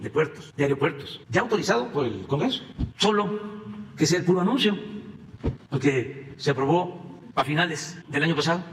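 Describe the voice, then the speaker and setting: A Mexican man giving a press conference as president, speaking in a measured way with frequent pauses and fillers. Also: a little high. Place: large conference hall. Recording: long hall reverb, faint background noise.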